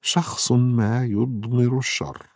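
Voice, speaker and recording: A man's voice: mid-range voice, steady tone, takes it slowly, darkish tone, no echo, studio quality, pitched above the performer's own voice. A man voicing a clever young girl who speaks in a self-assured manner. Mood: confident.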